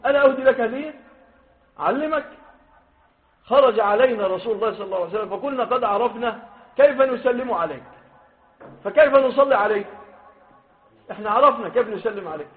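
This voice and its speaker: Man, Egyptian Arabic accent, fast lively teaching, high voice, tinny phone-like sound. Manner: lively, stresses quoted wordings, asks the class questions. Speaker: sheikh teaching hadith. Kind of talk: classroom hadith lesson. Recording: phone-like lo-fi recording.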